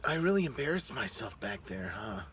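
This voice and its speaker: A man voicing a timid, excitable teenage boy who stammers nervously, in an anime dub. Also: fairly low pitch, fairly quick, noisy background. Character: timid, excitable teen boy, lone sumo club member.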